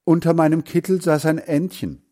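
A man's voice: a little high, steady tone, normal speed, mellow, voice pushed up, natural voice. A man reading a storybook aloud, voicing a defiant, boastful boy who wants to catch ducklings. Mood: sulky. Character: cheeky, boastful boy who chases ducks.

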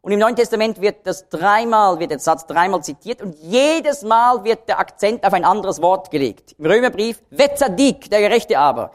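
A man's voice: high-pitched, animated, moderate pace, few pauses. A man giving a Bible study lecture, explaining patiently and repeating key phrases for emphasis. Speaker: Bible teacher.

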